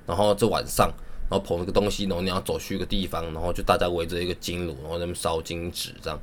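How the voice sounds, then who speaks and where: A man's voice: sits low, level tone, very fast, a little hiss or hum. A young man with a Taiwanese Mandarin accent, telling a rambling story in casual monologue, swearing freely and laughing at his own jokes.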